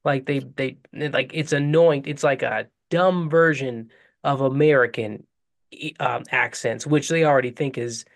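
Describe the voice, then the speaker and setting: A man's voice: medium pitch, fairly even intonation, measured pace, vocal fry. A man hosting a podcast, talking in a loose, chatty way with rambling asides. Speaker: podcast host. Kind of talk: casual podcast chat.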